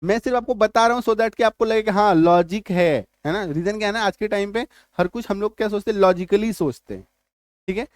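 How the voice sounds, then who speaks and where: Male tutor, high voice, dry close sound, repetitive explaining style. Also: no echo. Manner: repetitive, checks in with "है ना" and "ठीक है"; spells words out letter by letter slowly. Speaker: English teacher. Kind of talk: spoken lesson to viewers.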